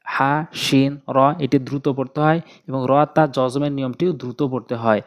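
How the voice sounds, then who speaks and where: A man with a Bangladeshi Bengali accent teaching Quran reading step by step, slowly drilling and repeating letter sounds. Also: mid-range voice, fairly even intonation, highs cut off. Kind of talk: step-by-step recitation lesson.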